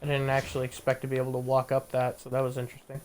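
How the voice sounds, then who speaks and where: A man's voice: medium pitch, monotone, rapid-fire, darkish tone, slight background noise. A man giving casual, joking commentary while playing a video game, swearing freely. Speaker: let's play gamer.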